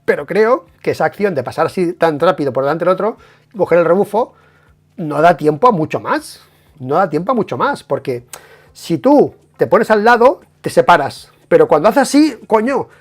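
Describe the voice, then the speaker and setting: A man with a Spain Spanish accent, giving a casual, emphatic live stream analysis of a motorcycle race, swearing and tagging his points with quick questions. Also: high-pitched, soft background music. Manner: animated, emphatic, swears, many tag questions.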